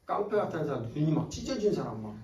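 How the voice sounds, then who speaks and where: A man with a Jeolla accent preaches at a church revival, keeping the congregation laughing with folksy, teasing asides. His voice sits a little high. He is recorded from off-mic in an echoey sanctuary. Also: big pitch swings, fast, darkish tone, distant mic, a little hiss or hum. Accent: Jeolla Korean. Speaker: pastor. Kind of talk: sermon at a revival meeting.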